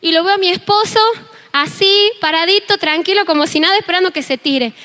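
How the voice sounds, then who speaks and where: A young woman with an Argentine accent, preaching a sermon and telling a personal testimony in an animated, storytelling way. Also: extremely high pitch, a little fast. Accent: Argentine Spanish. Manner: animated storytelling, acting out dialogue. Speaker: preacher and worship team member.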